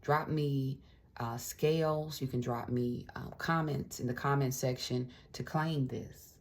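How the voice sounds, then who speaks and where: Her voice is extremely low and steady in tone, her pace a little slow, as she gives a casual, encouraging tarot reading directly to camera. She chats warmly with plenty of fillers and check-ins, keeping the mood spiritual and uplifting.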